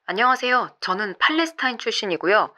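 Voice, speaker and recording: A brash young man, a boastful runner with a blustering way of talking, told with a lively, swinging pitch, as a woman narrator puts him on. He sounds like a story character voiced by the storyteller herself, barely disguised. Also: fast, exaggerated voice. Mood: polite request. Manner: blustering, then pleading.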